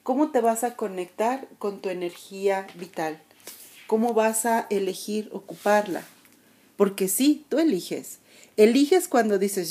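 A woman's voice: mid-range voice, dark tone. A woman giving a spiritual motivational talk. She speaks earnestly and directly to the listener, with restarts and repeated words, and acts out everyday voices in her examples.

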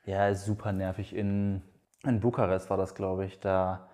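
A young man co-hosting a podcast, chatting in a relaxed way and wrapping up the episode. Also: sits low, moderate pace. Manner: relaxed, chiming in with short agreements. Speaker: podcast co-host. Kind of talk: casual chat.

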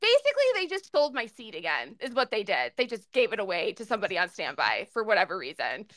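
A woman co-hosting a podcast, telling an animated story in casual chat and acting out the people she quotes. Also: mid-range voice, quick pace, dry recording. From Minnesota. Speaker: podcast co-host.

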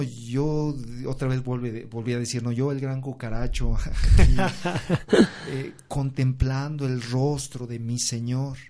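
A man giving a reflective, devout personal testimony in conversation, with many filler sounds. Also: warm tone. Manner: acts out quoted speech with raised pitch.

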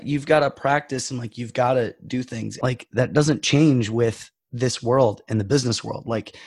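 A man co-hosting a casual podcast, hoarse and nasal from a cough, upbeat and joking. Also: medium pitch, a little mellow, no room sound, clean studio sound. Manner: joking, upbeat, powering through. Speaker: podcast co-host.

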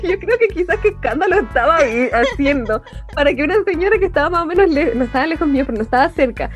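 A young Chilean woman co-hosting a podcast, her voice pitched high and swooping through a very wide range. She tells stories animatedly, laughing often and acting out what people said. Faint music sits under her. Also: quick pace. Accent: Chilean Spanish. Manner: animated storyteller, laughs often, acts out quotes. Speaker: podcast co-host. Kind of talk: casual chat.

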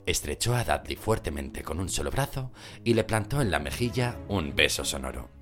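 A man reading a novel aloud as an audiobook narrator, with expressive storytelling. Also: very deep voice, normal speed. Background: background music.

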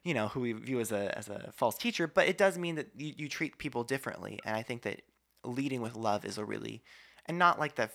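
Bright-voiced, talkative podcast host man. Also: medium pitch, lively intonation, brisk, gravelly. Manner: talkative, argumentative, uses many asides. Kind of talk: casual faith podcast conversation.

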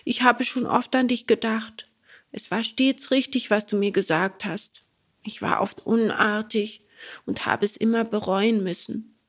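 A woman voicing a remorseful wooden puppet boy in a storybook reading, with a high, bright childlike voice. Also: fairly even intonation, measured pace. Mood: pleading.

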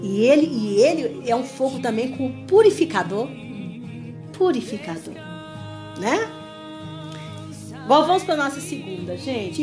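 A woman leading a small Bible study group, preaching in an earnest, emphatic way and often calling her listeners "gente". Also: fairly high pitch. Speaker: women's Bible study leader.

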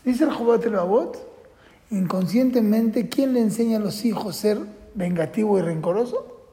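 A man's voice: high voice, normal speed, mellow. Echoey lecturing man. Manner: earnest, repeats rules in patterns, asks and answers own questions. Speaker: religious parenting teacher. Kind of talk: classroom lecture. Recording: echoey hall with long reverb.

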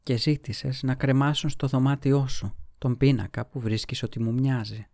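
A man's voice: medium pitch, flat delivery, creaky, a little mellow, no echo, clean studio sound, natural voice. Carmilla, a man voicing a languid young noblewoman. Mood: tender.

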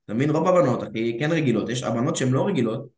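A man's voice: mid-range voice, animated, darkish tone. Man coaching in a roomy echo. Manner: calls the listener bro, acts out dialogue. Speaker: dating coach. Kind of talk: casual podcast chat.

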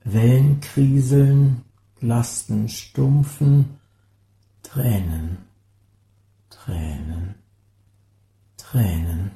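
Man reciting a poem, very slow, dark gravelly voice, drawn-out words, loud calls dropping to whispers, roomy echo. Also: medium pitch. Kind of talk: dramatic poetry recitation.

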